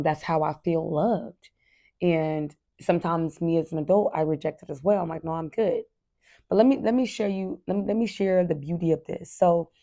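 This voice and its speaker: A woman's voice: lowish voice, gravelly, dark tone. A woman hosting a parenting podcast, talking candidly and earnestly straight to her listeners. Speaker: podcast host. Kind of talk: casual podcast monologue.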